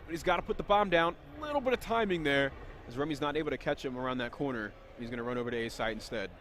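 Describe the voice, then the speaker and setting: A man doing live play-by-play commentary on a competitive video game match, energetic and quick, sometimes correcting himself mid-sentence. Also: mid-range voice, slight background noise. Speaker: esports commentator.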